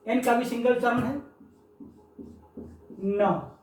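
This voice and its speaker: Slow, echoey teacher far from the mic. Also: medium pitch, a little mellow. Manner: slow, repeats each example word. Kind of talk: slow English pronunciation lesson.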